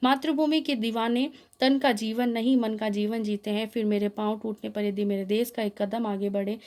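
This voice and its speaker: A woman's voice: medium pitch, a little mellow, close to an everyday voice. A woman voicing a defiant male prisoner who speaks in proud, declaiming lines. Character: defiant young male freedom fighter prisoner.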